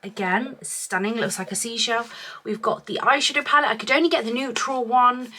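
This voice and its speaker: A woman's voice: fairly high pitch, brisk, pushed and bright. A woman vlogger reviewing beauty products in a casual, chatty way, thinking aloud, her voice chesty from a cough. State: chesty from a week-long cough.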